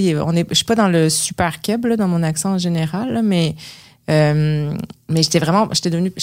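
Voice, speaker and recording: Quebec French woman, low-ish voice, rambling guest with lots of fillers. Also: a little mellow. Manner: hesitant, many fillers and restarts, digressive. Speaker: actress and director, guest. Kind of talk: casual interview chat.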